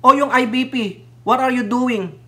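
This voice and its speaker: A commentator from the Philippines tears into opponents in a heated political rant. The delivery is combative and mocking, built on rapid rhetorical questions and blunt swearing. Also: mid-range voice, bright, forceful tone.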